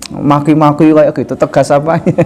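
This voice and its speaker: A man teaching a religious lesson in a relaxed, conversational way, with rhetorical questions, frequent chuckles and slowly recited Arabic lines. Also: a little high. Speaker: Islamic teacher. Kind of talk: sermon.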